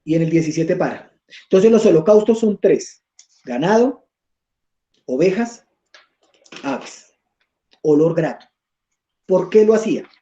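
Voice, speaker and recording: A man's voice: sits high, expressive, measured pace, pauses often, warm tone, highs cut off. A man teaching an online Bible study class, reading scripture aloud and checking in with his listeners.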